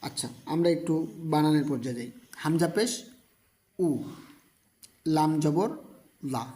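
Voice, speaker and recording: A man's voice: fairly high pitch, expressive, measured pace, mellow. A man teaching Quran reading, patiently spelling out each letter and vowel and then chanting the words melodically. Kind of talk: spelling out Quran recitation lesson.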